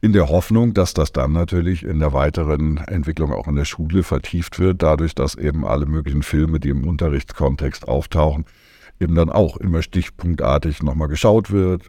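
Very deep-voiced man explaining thoughtfully. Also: brisk, warm tone, dry recording, clean studio sound. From Germany. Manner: thoughtful, many fillers and list-like explanations. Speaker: guest, media education consultant. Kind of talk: conversational podcast interview.

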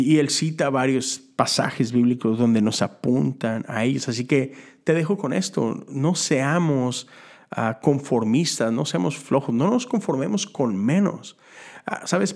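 A man gives a conversational sermon as a Methodist preacher, asking rhetorical questions and adding casual asides. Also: mid-range voice.

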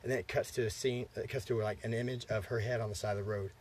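A man's voice: fairly low pitch, fairly even intonation, fast, darkish tone. Congested man swearing through a story. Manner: rambling, profane, lots of fillers. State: congested, clearing throat. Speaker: podcast host. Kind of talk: casual chat, storytelling.

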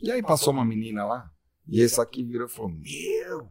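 A Brazilian man, a podcast guest, telling a story in an animated way and acting out the voices of the people in it. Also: mid-range voice, quick pace. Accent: Brazilian Portuguese. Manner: animated, acts out quoted voices. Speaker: guest, company director. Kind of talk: casual storytelling.

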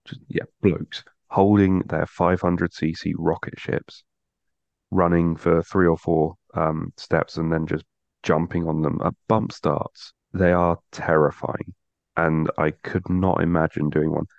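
A man's voice: low voice, flat delivery, measured pace, vocal fry, no echo, highs cut off. A man co-hosting a motorsport podcast in casual chat, rambling and restarting his sentences. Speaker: podcast co-host.

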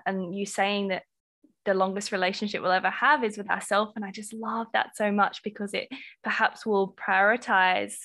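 A woman's voice: medium pitch, a bit bright. A woman with an Australian accent hosting a podcast interview, effusive and full of ums. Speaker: podcast host.

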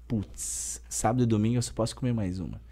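A fairly low-pitched man in his thirties, a personal trainer, talks fairly quickly on a casual podcast with a Gaúcho accent. He is emphatic and animated, speaks colloquially, and leans on "velho" again and again.

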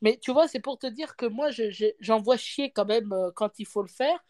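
A woman's voice: fairly high pitch, normal speed, no room sound. A woman in her thirties telling a story in casual podcast chat, acting out both sides of a conversation. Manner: lively storyteller acting out dialogue; peppers speech with "hein" and "tu vois". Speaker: podcast guest parent.

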